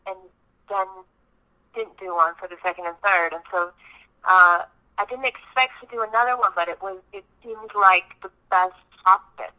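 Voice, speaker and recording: A soft-spoken woman calls in as a guest musician, and her voice comes through a phone held up to a studio microphone. Her tone is very sharp and bright, with an even middle pitch, and she talks in a relaxed, slightly hesitant way. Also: normal speed, rough recording. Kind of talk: casual phone interview.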